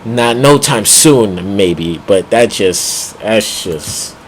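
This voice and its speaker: Rambling man with a low voice. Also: expressive, a little hiss or hum. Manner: rambling, heavy on "like", quick laughs, slangy. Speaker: basketball vlogger. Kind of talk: casual sports commentary vlog.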